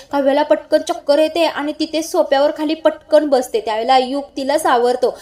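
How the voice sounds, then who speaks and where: A woman's voice: high voice, darkish tone. A woman retelling a television serial episode as a story, acting out the characters' lines in dramatic fashion. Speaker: serial recap narrator.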